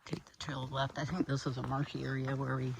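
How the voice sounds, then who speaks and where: A man's voice: medium pitch, completely flat delivery, fairly quick, creaky, over loud music, rough recording. A man narrating casually while hiking uphill on a forest trail, breathing heavily as he walks. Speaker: hiker vlogger.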